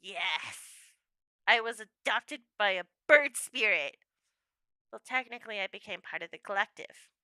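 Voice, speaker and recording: A young woman chats unhurriedly with her stream viewers, laughing often and keeping things playful. Her voice sits high and swings widely in pitch. The sound is dry and close. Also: animated, measured pace, pushed and bright, dry recording. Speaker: livestreamer. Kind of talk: casual chat with viewers.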